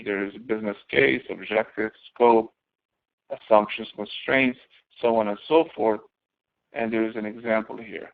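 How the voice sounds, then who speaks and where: The clip is an instructional walkthrough by a man acting as a course instructor, who breaks things into steps and raises questions before answering them. He has a gravelly, medium-pitched voice, heard through narrow audio that resembles a phone line.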